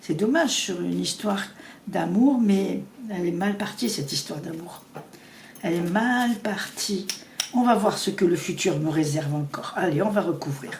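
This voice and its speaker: A woman doing a casual tarot reading, talking fast and rambling with many restarts. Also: lowish voice, gravelly, a little mellow. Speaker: tarot reader. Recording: echoey room with faint noise.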